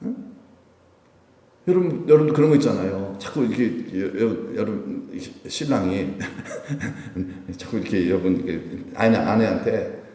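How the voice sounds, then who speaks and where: A man's voice: on the low side, moderate pace, warm tone. A male pastor preaching at a Friday prayer meeting, talking to the congregation in a conversational way, with rhetorical questions and light chuckles. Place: church sanctuary. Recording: roomy hall, voice from a distant mic.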